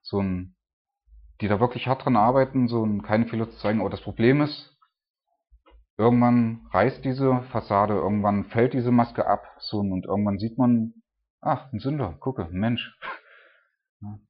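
A man retelling a Bible story in a casual, conversational way. He often ends his points with a questioning "ne?" and often lets his voice drop quiet. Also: fairly low pitch, normal speed, highs cut off.

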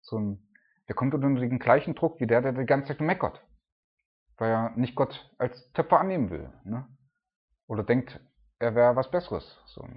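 A man's voice: medium pitch, lively intonation, normal speed, slightly rough, highs cut off. A man reading scripture and then explaining it in a casual, talkative way, with many tag questions and fillers. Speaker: preacher. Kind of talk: Bible reading and devotional commentary.

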